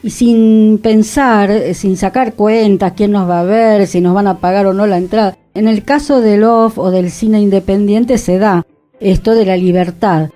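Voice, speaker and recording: Measured in pace and warm in tone, her steady medium-pitched voice sits over faint music. She is a co-host on a cultural talk program in a radio studio, talking thoughtfully and casually with the odd laugh.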